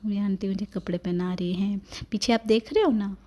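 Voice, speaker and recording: A woman's voice: mid-range voice, fairly even intonation, brisk, dark tone, close to an everyday voice. A woman voicing a sassy, complaining newborn baby girl, narrating a family vlog in a playful, teasing voice-over. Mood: cheeky.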